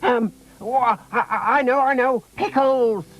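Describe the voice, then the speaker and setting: A man voicing excitable, eager small children in a children's story. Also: high-pitched, slow, soft background music, pitched above the performer's own voice, exaggerated voice. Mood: eager, excited. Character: excitable small boy and girl, eager twins.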